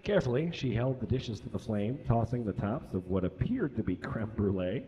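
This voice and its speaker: On a small indoor stage framed by curtains and brick, a young man performs a story as a live comedy reader, hamming it up with dramatic, exaggerated delivery. His mid-range voice is warm and lively at a moderate pace, and the sound is lo-fi.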